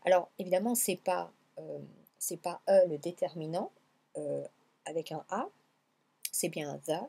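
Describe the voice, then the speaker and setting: A woman, teaching English pronunciation in a lesson, repeating words slowly and checking her students follow along. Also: lowish voice, creaky, warm tone, slightly rough.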